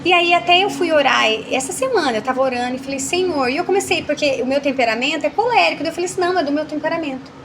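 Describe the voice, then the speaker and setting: A woman's voice: high-pitched, rapid-fire, few pauses, background noise. A Brazilian woman talking casually as a mentor about faith and family, acting out quoted dialogue. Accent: Brazilian Portuguese. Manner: animated, acts out quoted dialogue. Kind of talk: casual faith-based chat.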